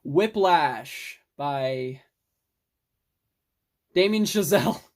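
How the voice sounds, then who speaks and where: A young adult film collector talks through favorite movies in a loose, unscripted way. The delivery is enthusiastic and rambling, with mild swearing. The pitch sits at an ordinary middle level. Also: expressive, drawn-out words. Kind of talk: casual film review monologue.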